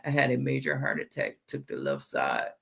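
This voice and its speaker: A woman in her seventies chatting casually as a guest, animated and quick to exclaim and laugh. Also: extremely low pitch, creaky. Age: 70s. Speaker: guest caller on a live chat. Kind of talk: casual chat.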